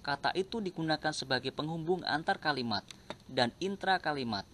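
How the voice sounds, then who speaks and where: A man reads out a grammar lesson, working through points one by one. His voice sits a little high, and he keeps a slow, even, list-like delivery. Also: slight background noise. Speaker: teacher. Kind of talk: reading a grammar lesson aloud.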